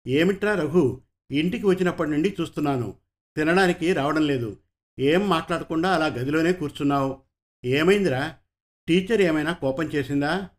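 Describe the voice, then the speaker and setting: A man voicing a kind, loving aunt in an audio storybook, coaxing and affectionate, in a fairly high male voice. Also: normal speed, long pauses, close to an everyday voice. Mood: tender.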